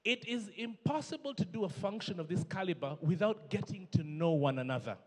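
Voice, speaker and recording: Emcee: playful male gala host from northern Uganda, high voice, echoey banquet hall. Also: lively intonation, a little fast, a little mellow. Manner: playful, switches between French and English, banters with co-host. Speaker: event emcee. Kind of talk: live gala hosting. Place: large indoor banquet hall.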